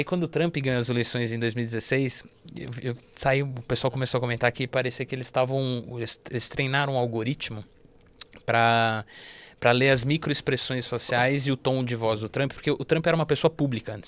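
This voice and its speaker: Brazilian male podcast guest, average pitch, animated and explanatory, stumbles and restarts often. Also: fast. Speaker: investment firm partner, guest. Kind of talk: casual podcast interview.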